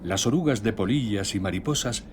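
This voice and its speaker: A man narrating a scripted nature documentary in a measured, solemn storytelling way. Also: on the low side, expressive, noisy background. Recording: music bed with nature sounds. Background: music, birdsong and nature sounds.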